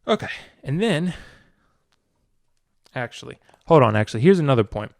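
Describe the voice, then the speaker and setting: A hobbyist hosts a casual, unscripted video tutorial, demonstrating a product while talking informally and a bit ramblingly. His medium-pitched voice is sing-song with some vocal fry at a normal speed, and the studio sound is clean with no room sound.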